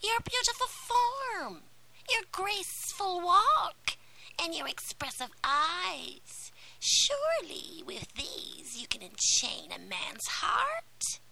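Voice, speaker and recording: A woman voicing a scheming old female sea witch in a whispered role-play fairy tale, shrill and drawn out. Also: huge pitch swings, slow, creaky, noisy background, full character voice. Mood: demanding.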